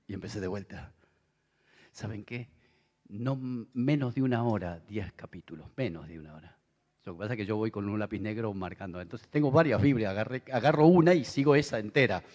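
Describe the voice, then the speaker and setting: A middle-aged man with an Argentine accent, preaching a sermon in a conversational style with asides to the audience. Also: medium pitch. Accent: Argentine Spanish. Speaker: pastor. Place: large convention hall. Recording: long reverb of a big hall.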